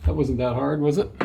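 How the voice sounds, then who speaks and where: A man talking casually and haltingly, unscripted, as a streamer setting up and chatting with viewers. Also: medium pitch, vocal fry, background noise. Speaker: livestream host.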